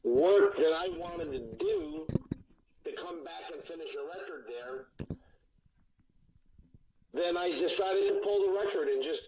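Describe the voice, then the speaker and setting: Call-in guest: a fairly high-voiced man on a dull speakerphone line, blunt and candid, restarts often. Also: big pitch swings, a little slow, creaky, long pauses, very noisy. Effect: heard over a speakerphone line. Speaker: guest musician. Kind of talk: candid phone-in interview.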